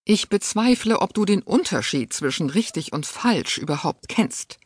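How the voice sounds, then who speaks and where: A woman's voice: lowish voice, big pitch swings, moderate pace, breathy edge, no echo, pitched above the performer's own voice. A woman voicing a stern, disdainful aristocratic aunt who speaks sharply and impatiently. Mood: cold, scornful.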